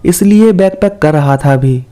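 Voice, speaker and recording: A man playing a friendly young office worker in a spoken horror story. He sounds light and teasing, with a mellow, fairly high voice. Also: animated, moderate pace, natural voice. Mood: amused. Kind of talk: storybook character voice.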